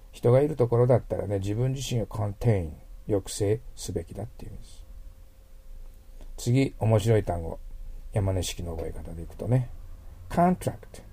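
A man's voice: lowish voice, dark tone, breathy edge, no echo. A man teaching English vocabulary in a patient lecture, explaining word roots and checking in with his students as he goes. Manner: patient, repeats words, checks in with "ne" and "hai".

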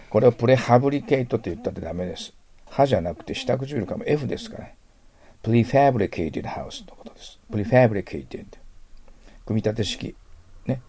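A man's voice: deep voice, vocal fry, warm tone, husky. A man with a Japanese accent teaching English vocabulary, patiently explaining words and exaggerating his English pronunciation so learners can copy it. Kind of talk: lecture-style vocabulary lesson.

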